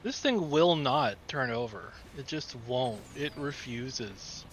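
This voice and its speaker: A man's voice: mid-range voice, expressive, slow, a little hiss or hum, poor audio. A man co-hosting a video game playthrough with casual, off-the-cuff commentary.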